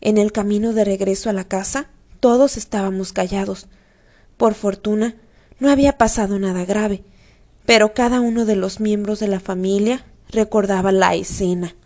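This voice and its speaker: A woman reading a first-person story aloud in a steady, expressive way. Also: mid-range voice, moderate pace. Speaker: audiobook narrator.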